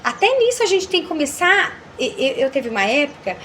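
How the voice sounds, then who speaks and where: A woman's voice: high-pitched, fairly quick, a little hiss or hum. A Brazilian woman talking casually as a mentor about faith and family, acting out quoted dialogue. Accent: Brazilian Portuguese. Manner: animated, acts out quoted dialogue. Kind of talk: casual faith-based chat.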